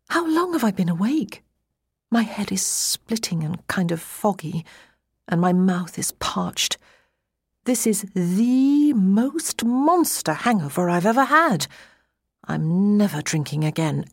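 Audiobook role: hungover young woman played by an actress, groggy, breathy, bewildered, dragging pace, very dry close sound. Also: mid-range voice, a little mellow, dry recording. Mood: groggy, suffering. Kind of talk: first-person dramatised audiobook narration.

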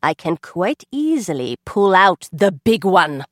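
Woman doing a strict schoolmistress, weedy voice, can't say her R's, shrill and very high, wildly swooping scolds, dry close sound. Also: big pitch swings, a little slow, dry recording. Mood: shouting. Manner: snapping, scolding, shouting at the class. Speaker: teacher character in an audiobook. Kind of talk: audiobook character reading.

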